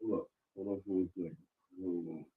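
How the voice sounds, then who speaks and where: A man's voice: low-pitched, level tone, brisk, husky. A man joining a livestream as a guest, sounding muffled and faint, as if heard through a wall, talking in a blunt, repetitive way. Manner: blunt, repeats himself, swears freely. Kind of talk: casual livestream chat.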